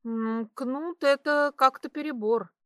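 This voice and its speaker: A woman voicing an excitable, tipsy young woman who goes high and loud when upset. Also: unhurried, no room sound, studio quality. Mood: curious.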